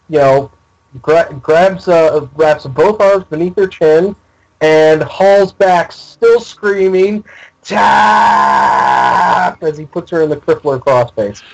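A man's voice: a little high, slow pace, rough recording. A man playing a tabletop game over voice chat, describing his character's wrestling moves with lots of restarts. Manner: excitable, stumbling restarts while describing moves. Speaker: player. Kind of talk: casual tabletop game play.

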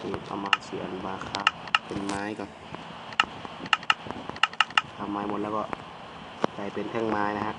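A man's voice: on the low side, completely flat delivery, measured pace, pauses often, heavy background noise. A young man casually commentating a phone game at home, crude and joking, talking to himself and his viewers, speaking away from the mic. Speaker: mobile game streamer. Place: home game-casting room.

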